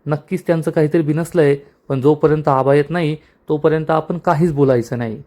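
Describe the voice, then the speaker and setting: A man's voice: a little high, a little fast, dark tone, close to an everyday voice. A man reading the lines of a playful young husband in a TV serial recap, chatty and reassuring. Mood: bantering. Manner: bantering, chatty.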